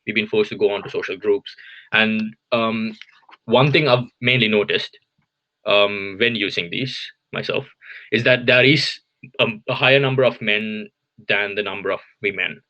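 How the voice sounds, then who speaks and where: A man's voice: fairly low pitch, moderate pace, sharp tone, highs cut off. A man in his twenties, a podcast co-host, giving opinionated takes and teasing his friends, with frequent "um"s. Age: 20s. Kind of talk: casual chat. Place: home in Tokyo.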